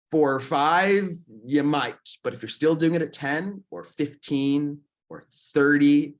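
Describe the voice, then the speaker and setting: Male podcast host, mid pitch, reflective, thinks out loud, restarts sentences, relaxed conversational delivery. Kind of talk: casual conversation.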